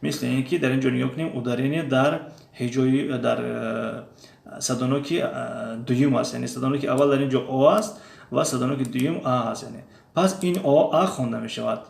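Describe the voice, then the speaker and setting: A man in the middle pitch range teaches a lesson at an unhurried pace. His voice has a gravelly edge, and he says each drill word aloud again and again. The recording carries the echo of a bare room. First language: Tajik. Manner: slow, repeats drill words aloud. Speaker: language teacher. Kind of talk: explaining a lesson.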